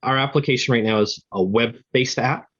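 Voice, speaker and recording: A man speaking as an interview guest, explaining his software product in a conversational, explanatory way. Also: mid-range voice, moderate pace, muffled recording.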